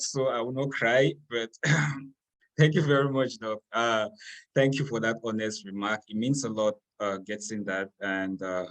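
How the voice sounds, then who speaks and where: A man's voice: mid-range voice, fairly bright tone. A man, moderating a webinar over a video call in an easygoing way. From Cameroon. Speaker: webinar host.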